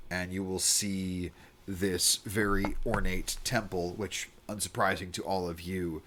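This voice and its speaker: A man running a tabletop game as game master, improvising his narration in a halting way. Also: deep voice, fairly bright tone.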